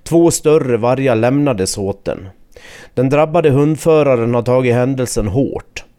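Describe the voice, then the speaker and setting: A man reporting the news in a measured, scripted narration. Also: mid-range voice, dark tone.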